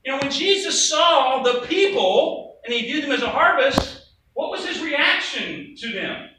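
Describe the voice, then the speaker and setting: A man's voice: extremely high pitch, very animated, unhurried. A man preaching a sermon to a congregation, talking conversationally with rhetorical questions and casual asides. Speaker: pastor. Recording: echoey room, distant mic, faint noise.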